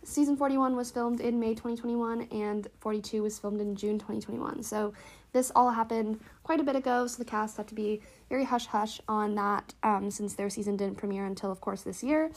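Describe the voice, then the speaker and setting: A woman hosting a casual solo podcast in a chatty, upbeat, informal way, sounding stuffed up and slightly wheezy. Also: on the high side. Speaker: podcast host.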